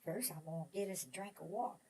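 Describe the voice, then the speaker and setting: An actor playing an excitable, chatty old prospector with an American Old West drawl, stammering and rambling in a Western audio drama. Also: male voice, high voice, quick pace, husky. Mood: puzzled, folksy. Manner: rambling, stammering, repeats words, chuckling old prospector talk.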